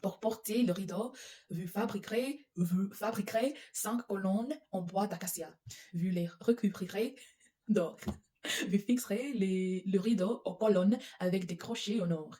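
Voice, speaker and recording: A woman's voice: mid-range voice, a little slow, warm tone. A woman whose first language is English, reading scripture aloud in French with an English-speaking accent, often stumbling and correcting herself. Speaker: Bible reader.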